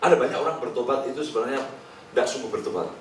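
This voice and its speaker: A man preaching a sermon in a lively way, acting out quoted voices and laughing between points. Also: mid-range voice, racing. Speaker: pastor. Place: hotel function hall. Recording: very echoey hall, from far off, faint hiss.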